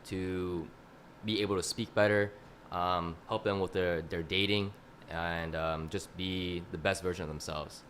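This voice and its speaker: A man in his twenties, a fitness coach and podcast guest, explaining his views in a measured way with a few "you know"s. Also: low-pitched, fairly even intonation, fairly bright tone, slight background noise. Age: 20s. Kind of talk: casual panel discussion.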